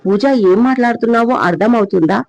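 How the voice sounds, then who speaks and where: A man's voice: high voice, fast, creaky, no room sound. Narrator voicing an insistent heartbroken young man. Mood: angry. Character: young man, lovesick and angry. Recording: dull lo-fi, dry.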